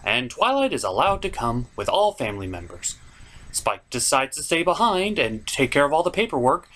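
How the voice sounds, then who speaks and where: A man with a medium-pitched, fairly bright voice hosts a comedic cartoon review show, narrating casually in a sarcastic, irreverent way.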